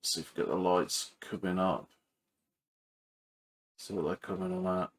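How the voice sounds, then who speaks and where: A video host talks casually through a hands-on repair, halting and thinking aloud as he works. His voice sits low, steady and slightly rough.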